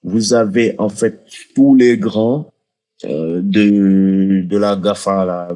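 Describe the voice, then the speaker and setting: A man hosting a casual screen-recording software tutorial, talking viewers through the steps with hesitations and restarts. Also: lowish voice, slow pace. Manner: hesitant, many fillers and restarts, addresses viewers directly. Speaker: tutorial host.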